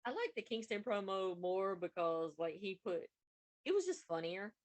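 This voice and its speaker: A woman's voice: mid-range voice, animated, moderate pace, darkish tone, low-quality recording. A woman co-hosting a podcast, recapping wrestling matches in a casual, running play-by-play way. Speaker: podcast co-host.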